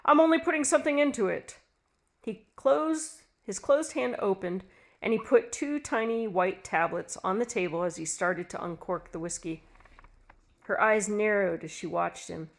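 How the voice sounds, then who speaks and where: A woman narrating a dark short story in a steady storytelling manner. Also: medium pitch, a little slow, gravelly.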